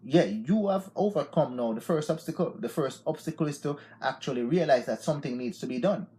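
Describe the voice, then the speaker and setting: Fairly quick and fairly high, with a dark tone, this man's voice carries a Jamaican accent. In his forties, he hosts an unscripted live stream of loose, repetitive motivational talk, regularly dropping "yeah, man".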